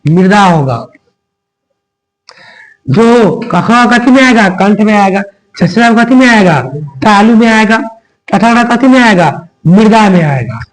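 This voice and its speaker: A young man teaches grammar in a high voice. He talks slowly and deliberately. He sounds out each letter and keeps quizzing his class with short questions. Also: animated, low-quality recording. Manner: drills students by sounding out letters and asking questions. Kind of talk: Hindi grammar lesson.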